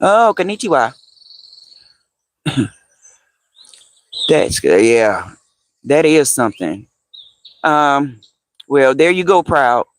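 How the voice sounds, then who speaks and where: A man's voice: medium pitch, expressive, drawn-out words, pauses often. A man hosting a casual livestream, chatting with viewers, answering their comments, repeating phrases and laughing often. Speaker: livestream host.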